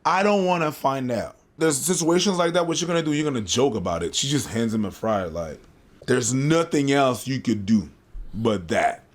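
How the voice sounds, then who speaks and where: A man co-hosting a relaxed podcast, reasoning through a tense moment. He speaks in a measured, explanatory way at an even, mid-range pitch. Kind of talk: casual chat.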